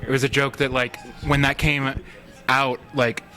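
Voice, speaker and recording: A man's voice: mid-range voice, flat delivery, a little slow, pushed and bright. A man in casual podcast chat, talking loosely with many fillers and hedges.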